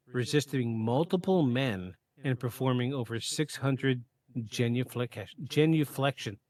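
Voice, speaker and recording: A man hosting a podcast, reading a prepared script in a measured way, with occasional stumbles and quick asides. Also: medium pitch, a little mellow. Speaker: podcast host. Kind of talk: scripted narration of a paranormal case.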